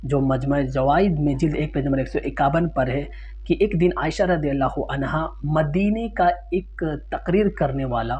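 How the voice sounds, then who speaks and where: Speaking at normal speed in a husky, fairly high voice, a man teaches informally about an Islamic ruling someone asked about. He cites sources and restates ideas in plainer words, captured on a dull lo-fi recording with heavy hum.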